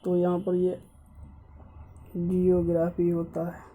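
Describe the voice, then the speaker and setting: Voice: mid-range voice, completely flat delivery, takes it slowly, phone-quality sound, slight background noise. A teacher on a video channel reads out an exam syllabus topic by topic and stops to point out mistakes in it. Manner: lists topics one by one, stopping to correct errors. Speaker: YouTube teacher.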